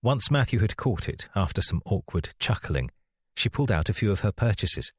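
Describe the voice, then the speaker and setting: Male reader, very low voice, dry studio read, wry and measured for a first-person thriller. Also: animated, husky, no room sound. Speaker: audiobook narrator. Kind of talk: scripted audiobook narration.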